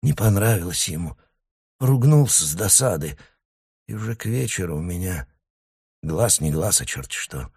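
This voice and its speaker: A man's voice: sits low, animated, normal speed, pauses often, slightly rough, full character voice. A man doing a meek, worn-out older husband. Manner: quiet, mild.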